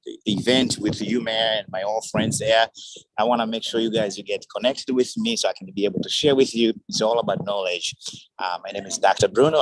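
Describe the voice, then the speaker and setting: A guest speaker from Tanzania, with a Tanzanian accent, gives enthusiastic remarks at a community forum in broken English, full of warm, effusive praise. His mid-range voice comes through in a dry, rough recording.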